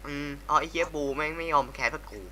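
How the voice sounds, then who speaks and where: A man chatting crudely with a friend while playing a racing game, speaking quietly into a mic set far from his mouth at home. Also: a little high, fairly even intonation, fast. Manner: crude joking banter, swears a lot. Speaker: gamer streamer. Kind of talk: casual gaming chat. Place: home at night.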